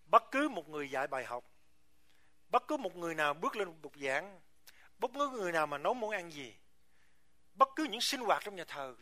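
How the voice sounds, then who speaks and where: High, bright-voiced male preacher. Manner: emphatic, asks the congregation rhetorical questions. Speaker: pastor. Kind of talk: sermon.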